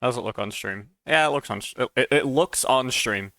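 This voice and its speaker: A man's voice: medium pitch, fairly quick, vocal fry, a bit bright, dry recording, clean studio sound. A man streaming live while he codes, rambling and stammering through casual chat and often saying "dude". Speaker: streamer and mod developer.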